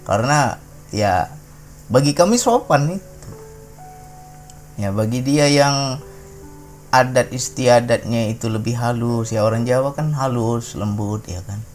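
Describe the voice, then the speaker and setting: A middle-aged man from Sumatra gives an informal spiritual talk in a conversational style, often ending his sentences with a questioning "ya." He speaks a little slowly, with long pauses, in a medium-pitched, slightly mellow voice, and soft music plays in the background.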